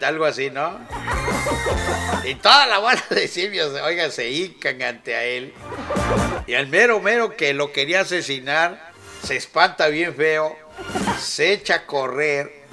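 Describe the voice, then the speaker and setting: A man with a Mexican accent hosting a radio show, retelling a film in casual, profane, rambling talk and laughing often. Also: on the high side. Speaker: radio host.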